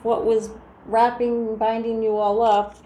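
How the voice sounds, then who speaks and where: A woman with a New Jersey accent talks through a tarot reading in a mellow, dark-toned voice. She meanders with frequent restarts and fillers. The room is echoey, with a faint ambient hum behind her. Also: on the high side, level tone, measured pace. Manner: soft, meandering, full of restarts and "like". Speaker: tarot reader. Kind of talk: casual tarot reading to camera.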